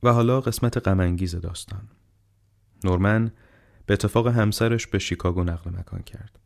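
A man narrating an audiobook in a measured, calm and unhurried way. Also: low voice, vocal fry.

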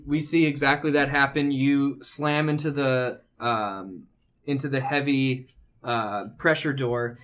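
A man narrating a tabletop game as game master, improvising descriptions and pausing to find his words. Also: mid-range voice, a bit bright.

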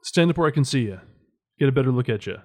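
A man's voice: mid-range voice, expressive, very fast, lightly acted. A man voicing a wary, bitter female salvager in a tabletop game, speaking in blunt, curt commands. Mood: commanding.

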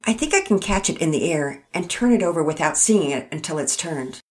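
A woman's voice: sits low, animated, a little fast. A woman voicing an earnest young boy who hesitates and stammers a little. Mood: eager. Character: eager polite young boy, sweet-toothed.

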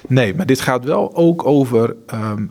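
A man with a husky, slightly rough voice speaks at a middle pitch. He tells earnest, faith-driven stories in an interview, often restarting his sentences. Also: animated, a little slow, darkish tone. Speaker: charity director. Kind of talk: conversational interview.

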